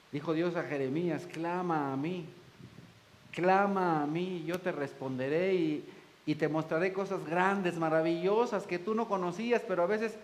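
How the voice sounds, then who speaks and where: A pastor preaching in a folksy, joking way, and he acts out every voice he quotes. His voice sits fairly high for a man. A faint hiss of room noise runs under the recording. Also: rough recording. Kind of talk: sermon. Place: church.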